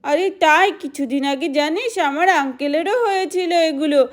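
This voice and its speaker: A woman voicing a kind, sensible village girl who talks earnestly and scolds gently. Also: high voice, moderate pace, close to an everyday voice.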